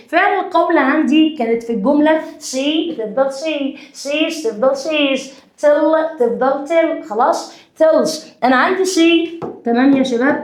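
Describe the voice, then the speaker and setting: A high-pitched woman with an Egyptian accent teaches a grammar lesson. She dictates word by word and keeps checking whether her students are following. Her voice rings around an echoey room. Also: darkish tone. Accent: Egyptian Arabic. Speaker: English teacher.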